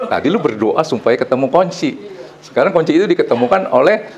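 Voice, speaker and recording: A middle-aged male pastor, preaching a sermon in a lively, storytelling way full of casual slang. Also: fairly high pitch, fast, lo-fi sound.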